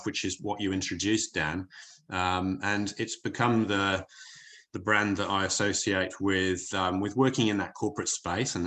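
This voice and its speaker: On a video call, an Englishman with a low-sitting voice and a faint New Zealand edge to his accent presents on wellness to a corporate audience. He chats along hesitantly, restarting sentences and filling gaps often.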